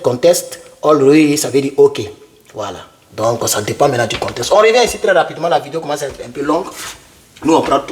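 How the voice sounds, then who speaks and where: A young male English teacher gives a casual video lesson, addressing the viewer directly and repeating words again and again to drill pronunciation. His voice is fairly high, with slight background noise.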